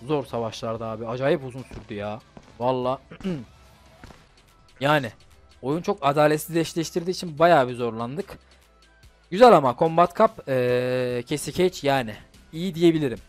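A man giving casual running commentary while playing a mobile fighting game, talking to himself, swearing and venting about the matchups. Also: medium pitch. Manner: talks to himself and the game, swears, frustrated outbursts. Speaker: gaming YouTuber.

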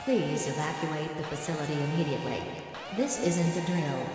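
A woman making calm, measured facility alarm announcements over a PA system. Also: low voice, over a noisy crowd. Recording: echoey hall PA with loud game music.

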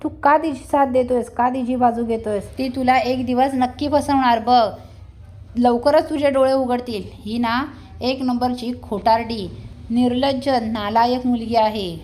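A furious, stern father who scolds loudly, as a woman storyteller puts him on. The voice sits fairly high. The delivery is loud and scolding throughout. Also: steady tone, unhurried, lightly acted. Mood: angry scolding. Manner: shouting, scolding. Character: furious wealthy father, stern head of house.

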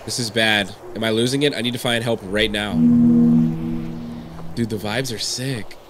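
Game music plays as a thirty-something streamer with a nasal, post-cold voice plays a horror game on a headset mic at his indoor desk. He keeps a steady tone and moderate pace while giving jumpy, profane commentary. Scares make him yelp in high bursts.

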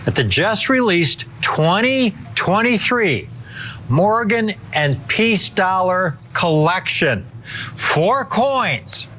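American guy doing hard sell tv pitch, highish voice, really animated, punches key words. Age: middle-aged. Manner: emphatic, deliberate phrasing with dramatic stress. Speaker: TV coin pitchman.

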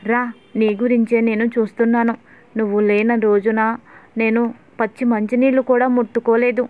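A woman's voice: a little high, level tone, normal speed, lightly acted. A woman voicing a middle-aged mother who dotes on her son and complains about others, on tinny phone-like audio. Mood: tearful. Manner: complaining, accusing.

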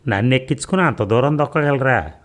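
A man voicing a dutiful young woman, speaking softly and wistfully. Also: medium pitch, animated, a little fast, pitched above the performer's own voice, natural voice. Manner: soft, wistful.

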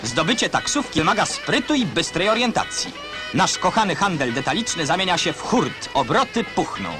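A man narrates an old-style newsreel in a high, sweeping voice that rises and falls a great deal. His commentary is dry and ironic. Loud music runs beneath every line. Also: big pitch swings, moderate pace. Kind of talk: 1960s newsreel voice-over.

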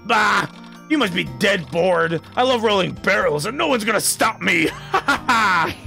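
A man's voice: high voice, animated, moderate pace, creaky, sharp tone, soft background music, heavily acted. A man voicing a stubborn, blustering, grumpy old grandpa car in a video game. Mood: grumpy, defiant. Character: gruff grumpy old grandpa car who loves barrels.

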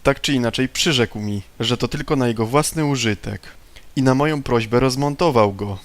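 A man reading the lines of a prim middle-aged woman who leads a temperance union, a little higher and louder than his own voice. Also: moderate pace, dry recording, lightly acted. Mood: indignant. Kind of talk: reading game dialogue aloud.

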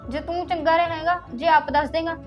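A woman's voice: very high voice, little pitch movement, normal speed, highs cut off, soft background music. An actress playing a defiant young woman in a Punjabi village drama, taunting and threatening to expose her secret husband. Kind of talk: rural village drama acting.

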